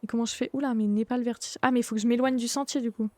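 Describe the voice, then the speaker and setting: A woman's voice: on the high side, steady tone, rapid-fire, mellow. A young woman streaming a horror game live, chatting casually, greeting viewers by name and swearing now and then. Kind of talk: live gaming stream commentary.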